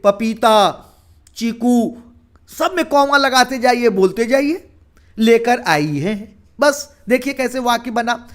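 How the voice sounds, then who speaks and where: A man's voice: extremely high pitch, fairly bright tone. A man teaching a Hindi grammar lesson, who asks rhetorical questions and then answers them himself. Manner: slow, deliberate delivery. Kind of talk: classroom lesson explanation.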